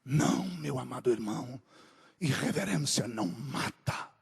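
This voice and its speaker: A man preaching a sermon, moving from low, quick talk to drawn-out shouted climaxes. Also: animated, vocal fry, slightly rough.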